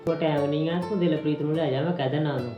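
Easygoing, quick-talking Punjabi farmer husband, played by a man, music underneath. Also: fairly high pitch, steady tone, close to an everyday voice. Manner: easygoing, placating. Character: farmer husband, calm peacemaking son. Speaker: actor in family drama.

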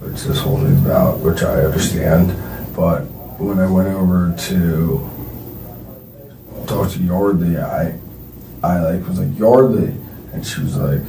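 A young man under police questioning, talking haltingly and filling nearly every phrase with "like". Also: sits low, fairly even intonation, vocal fry. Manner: halting, filler-heavy, constantly says like. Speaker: suspect being questioned. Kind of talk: police interrogation. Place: police interview room. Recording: roomy distant recording with faint noise.

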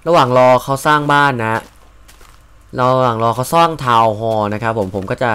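A young man casually commenting while he plays a block-building game, chatty and joking, with loud exclamations. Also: medium pitch, brisk, smooth. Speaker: gaming video host.

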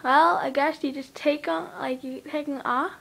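A young woman giving a casual how-to tutorial while talking with her fingers in her mouth, chatty and halting with lots of fillers. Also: high-pitched, fairly even intonation, vocal fry, a bit bright. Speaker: vlogger. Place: indoors at home, windy outside. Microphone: device mic.

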